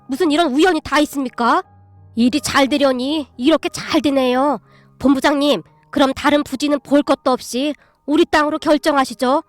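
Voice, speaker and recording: Woman doing a fawning older man, effusive landowner father, storybook, high voice, faint music. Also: dry recording, lightly acted. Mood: eager.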